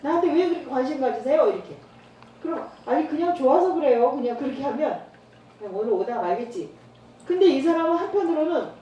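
A woman's voice: sits high, muffled recording. A middle-aged woman evangelist telling stories in a church training talk, acting out the dialogue. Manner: storytelling, acts out dialogue with lively voices. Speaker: evangelist preacher. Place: church hall. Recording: roomy church hall, far from mic, faint noise.

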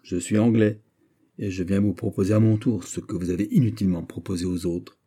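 A man voicing a proud, menacing English duke who speaks forcefully and challengingly, in a storybook reading. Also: low-pitched, steady tone, brisk, husky.

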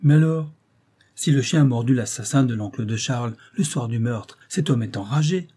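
A man's voice: medium pitch, normal speed, dark tone, slightly rough, lightly acted. A man reading an audiobook and voicing a charming young woman who asks anxious questions.

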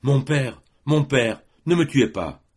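A man's voice: medium pitch, big pitch swings, a little fast, breathy edge, voice pushed up. Man doing a frightened, pleading young boy. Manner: pleading, tearful.

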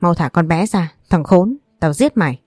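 A gruff, protective older man snaps out urgent orders , as a woman reading the story voices him. The voice is low and mellow, and the recording is dry. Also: lively intonation, normal speed, no echo. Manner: urgent, commanding shouts.

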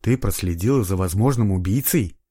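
A man playing an ironic, impatient middle-aged investigator in an audiobook, gruff and scolding. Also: lowish voice, lively intonation, a little fast, a little mellow, no echo, studio quality. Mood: pressing. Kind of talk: audiobook reading.

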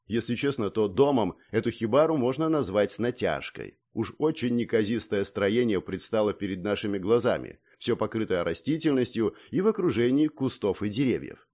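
A man narrating a fantasy audiobook in the first person, even and a little wry. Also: medium pitch.

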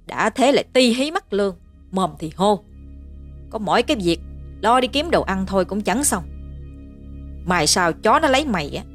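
A woman's voice: mid-range voice, very animated, normal speed, long pauses, faint music behind. A woman voicing a middle-aged peasant mother who screeches curses and insults at her daughter. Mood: shrieking abuse. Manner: screeching, cursing tirade.

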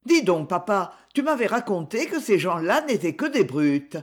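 A man reading a storybook, voicing a sweet, emotional young woman with impulsive, warm-hearted exclamations. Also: medium pitch, big pitch swings, moderate pace. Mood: musing.

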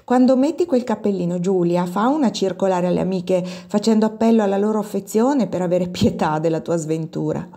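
A woman's voice: medium pitch, fairly quick, few pauses, mellow, close to an everyday voice. A woman reading the part of a clever young woman with a wry, teasing manner.

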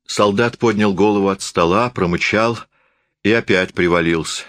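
A man reading a literary story aloud in steady, measured narration. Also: fairly low pitch, dry recording. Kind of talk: audiobook reading.

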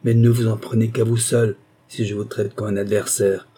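A man's voice: lowish voice, flat delivery, moderate pace, mellow, breathy edge. A man voicing a proud young heir who speaks curtly and firmly in a storybook reading. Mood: cold firm. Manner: curt, determined. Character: proud young male heir, cold and firm.

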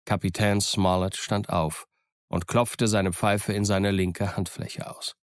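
A man narrates a novel in a calm, even storytelling voice. His voice sits on the low side, and the recording is close and dry. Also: slow, dry recording. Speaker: audiobook reader. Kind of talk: scripted narration.

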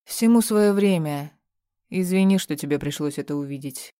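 A woman's voice: deep voice, moderate pace, dark tone, clear, resonant tone, no echo, studio quality, close to an everyday voice. A woman voicing a stern, protective grown man who speaks firmly and curtly, in an audiobook reading. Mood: gentle. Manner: firm, curt.

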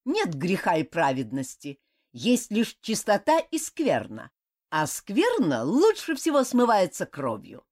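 A woman's voice: medium pitch, huge pitch swings, unhurried, a little mellow. A woman voicing a self-important elder boy who preaches and gives orders. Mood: preachy. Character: haughty elder boy leader, preaching, commanding.

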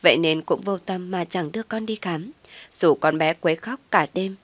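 Woman narrating a family drama story, lowish voice, dry close mic. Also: normal speed, dry recording. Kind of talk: first-person story reading.

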